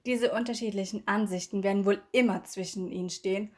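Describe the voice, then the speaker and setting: A woman narrates a storybook chapter. Her voice is of medium pitch, and her reading is steady and measured throughout.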